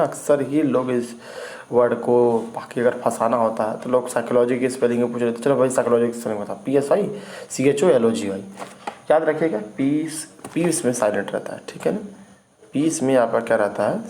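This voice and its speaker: A man's voice: medium pitch, warm tone, a little hiss or hum, poor audio. A man teaching English vocabulary in an informal video lesson. He spells words out letter by letter and keeps checking in with his students.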